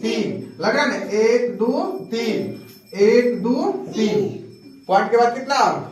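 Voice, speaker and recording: A man's voice: very high voice, takes it slowly, soft background music. A male math teacher in a classroom, asking students questions over and over and checking that they understood. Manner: repetitive call-and-response, keeps checking if students understood. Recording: very echoey classroom, distant mic.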